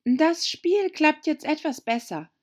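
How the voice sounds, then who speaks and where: A woman's voice: high-pitched, animated, slow, voice pushed up. Alice, as a woman does a polite young girl. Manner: earnest and polite.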